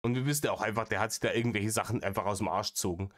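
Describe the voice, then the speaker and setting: A man's voice: lowish voice, very fast, a bit bright. A man giving sarcastic, rambling commentary on stream clips. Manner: sarcastic, rambling, restarts a lot.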